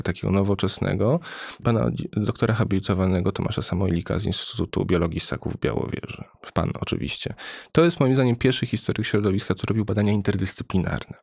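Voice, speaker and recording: Gravelly low-voiced man being interviewed. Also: a little mellow, no room sound, clean studio sound. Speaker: guest researcher. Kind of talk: conversational interview.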